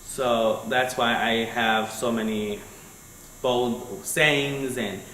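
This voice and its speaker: Halting teenage boy presenting his play. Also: medium pitch, steady tone, fairly bright tone. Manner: halting, with restarts and repeated phrases. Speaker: student. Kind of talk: class presentation. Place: school room. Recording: echoey room with faint mains hum.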